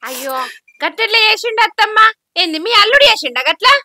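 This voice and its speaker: A woman's voice: extremely high pitch, big pitch swings, fast talker, sharp tone, no room sound, studio quality, heavily acted. A young woman with a Telangana accent acting a village niece who coaxes and consoles her aunt with firm advice. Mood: concerned. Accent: Telangana Telugu. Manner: coaxing, repeating soothing pleas, giving firm advice. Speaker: actor in a village skit.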